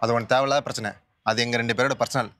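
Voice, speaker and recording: A man's voice: mid-range voice, fairly even intonation, racing, a bit bright, slight background noise, close to an everyday voice. An actor playing a bitter, betrayed young man who speaks in a cold, cutting way. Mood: bitter angry. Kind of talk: drama dialogue. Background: music.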